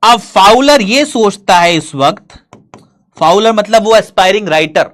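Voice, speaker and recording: A man teaching an English story to students, reading lines slowly and explaining them in Hinglish. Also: high-pitched, lively intonation, fairly bright tone. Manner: addresses students directly, asking and answering his own questions.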